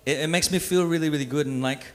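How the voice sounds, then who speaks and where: This young man talks quickly, his voice sitting on the higher side, as he does stand-up on a stage mic at a live venue. Raised in Australia after coming from the Philippines, he jokes at his own expense in a loose style, stumbling and restarting along the way.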